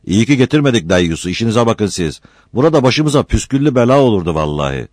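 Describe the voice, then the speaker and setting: A man puts on a grumbling village laborer in a storybook reading, scornful and loud. His tone is pitched up and lively. The recording is dry. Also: fast talker, no room sound. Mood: contemptuous. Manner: contemptuous, grumbling.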